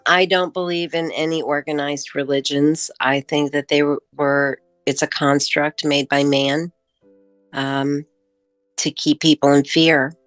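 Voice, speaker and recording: A middle-aged woman telling her own near-death story in a personal testimony, emotional and halting, with pauses and fillers. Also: low-pitched, no room sound. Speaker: near-death experience witness.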